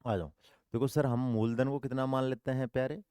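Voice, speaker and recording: A man's voice: medium pitch, fairly even intonation, a little fast, dark tone, clean tone, no room sound, studio quality. A male maths teacher running an online coaching class, repeating each step and answering his own questions, calling students "dear brother".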